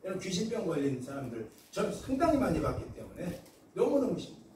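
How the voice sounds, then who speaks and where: A male pastor preaching a sermon, telling stories in an animated way and acting out the voices. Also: a little high. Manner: animated storytelling, acts out voices. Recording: echoey hall from far off, faint noise.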